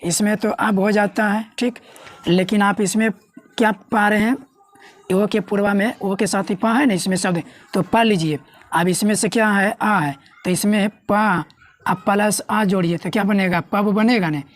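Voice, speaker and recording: A woman's voice: mid-range voice, fairly even intonation, moderate pace. A woman teaching a grammar lesson, often asking herself questions and answering them. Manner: asks and answers her own questions. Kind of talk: classroom lesson explaining at a board.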